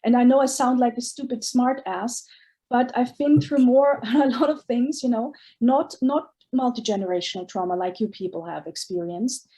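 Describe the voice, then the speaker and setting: Woman from Austria, interview guest, earnest and searching, mellow and slightly high. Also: normal speed. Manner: earnest, searching, with many restarts. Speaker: guest artist. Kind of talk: casual interview talk.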